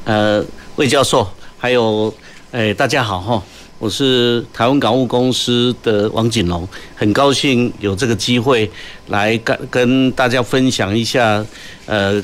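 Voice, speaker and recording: Taiwanese man explaining in halting phrases. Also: mid-range voice, a little hiss or hum. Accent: Taiwanese Mandarin. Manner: halting, in short phrases with sentence particles. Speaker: guest, port company executive. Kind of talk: interview explanation.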